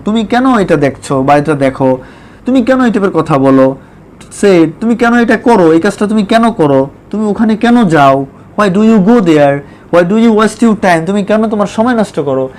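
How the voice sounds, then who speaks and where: Emphatic high-voiced teacher. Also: male voice, a little mellow. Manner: emphatic, repetitive, slowly spells out English examples. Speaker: spoken English teacher. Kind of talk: online lesson.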